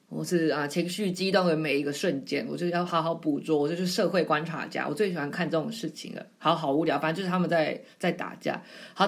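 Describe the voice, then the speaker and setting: Chatty young woman, lowish voice. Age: 20s. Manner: chatty, rambling, self-mocking. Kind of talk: casual solo storytelling.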